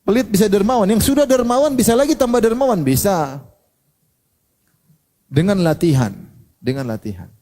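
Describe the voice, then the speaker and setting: A male preacher delivers a sermon with a slightly raised pitch. His tone is warm and mellow. He keeps it light with humor and rhetorical questions. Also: expressive, moderate pace, pauses often. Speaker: Islamic preacher.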